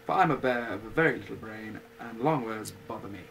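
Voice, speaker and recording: A man's voice: fairly low pitch, a little fast, gravelly, a bit bright, a little hiss or hum, low-quality recording. A man voicing a humble, simple-minded small male teddy bear in a bedtime story, earnest and dreamy.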